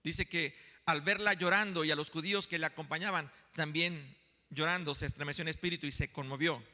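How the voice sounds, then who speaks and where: A man preaching to his congregation, his voice high and piercingly bright. He swells in emphasis and then slows into deliberate pauses. The sound rings with the long reverb of a church hall. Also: steady tone. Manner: preaching with rising emphasis and slow dramatic pauses. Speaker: pastor. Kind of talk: sermon.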